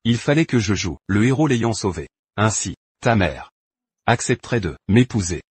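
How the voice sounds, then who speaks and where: An actor playing a proud, vindictive middle-aged duke in a French drama dub, harsh and threatening in manner. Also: male voice, on the low side, sing-song, moderate pace, breathy edge, no echo, exaggerated voice. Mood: confessing.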